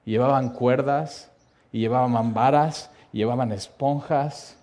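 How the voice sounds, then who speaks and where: Dramatic preacher, mellow voice. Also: male voice, medium pitch, a little slow. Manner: dramatic storytelling that swings from hushed to loud, with repeated lists. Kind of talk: sermon.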